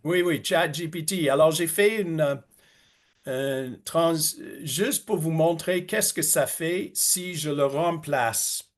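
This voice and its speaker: A man's voice: fairly high pitch, slow. A man whose first language is English, speaking French hesitantly with many fillers and slips into English as a guest speaker in a webinar. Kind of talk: webinar presentation. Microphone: video call.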